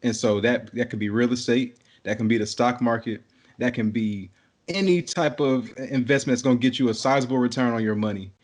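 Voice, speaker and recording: A young man co-hosting a podcast, talking in a relaxed, rambling way and laughing easily. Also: medium pitch, brisk. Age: young adult. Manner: laid-back, rambling, many fillers and restarts, laughs easily. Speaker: podcast co-host. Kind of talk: casual podcast chat.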